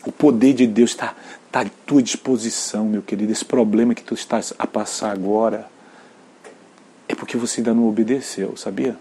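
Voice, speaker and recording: Brazilian pastor guy preaching, kinda husky voice, goes from whispery low to loud and heated. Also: steady tone, moderate pace. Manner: earnest testimony, drops to near whispers, climbs to loud emphatic peaks. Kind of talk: sermon.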